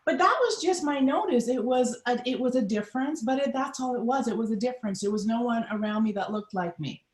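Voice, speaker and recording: A woman's voice: a little high, a little fast. Trinidadian woman telling her story. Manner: animated, acts out voices in her story. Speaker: guest. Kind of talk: personal storytelling in an interview. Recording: roomy echo.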